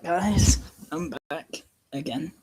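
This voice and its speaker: A man's voice: a little high, takes it slowly, a little mellow, husky. A man hosting a livestream, reading a garbled translated story aloud in a jokey, self-interrupting way, joking between lines. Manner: jokey, self-interrupting, puts on silly voices. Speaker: livestream host. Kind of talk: casual mock reading. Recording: noisy home stream with clicks.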